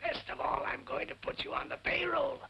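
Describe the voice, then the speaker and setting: An actor playing a blustering, cantankerous older businessman with a hoarse, cracking voice, in 1940s screwball comedy banter. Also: extremely high pitch, fairly even intonation, a little fast, highs cut off. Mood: pleased, brisk. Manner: indignant, blustering. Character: blustering, cantankerous older businessman uncle who hates music. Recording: noisy, crackly 1940s film soundtrack.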